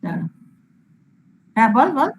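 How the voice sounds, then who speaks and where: A woman's voice: unhurried, low-quality recording. A woman lecturer teaching a class, repeating example words and checking whether her students follow, with English terms mixed into her speech. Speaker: computer science lecturer.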